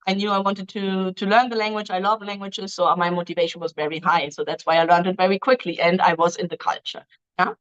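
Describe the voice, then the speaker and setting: A German-speaking woman who hosts for a dating agency answers viewer questions in a casual live-stream Q&A, reading each one aloud. Her replies come in loose, non-native phrasing full of ums, delivered briskly in a fairly low, steady voice with dull audio.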